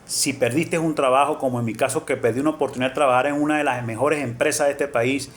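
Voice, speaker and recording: A man's voice: mid-range voice, fairly even intonation, fast talker, slight background noise. A man preaching an earnest storytelling sermon, emphatic and fond of repeating his phrases. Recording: faint background music.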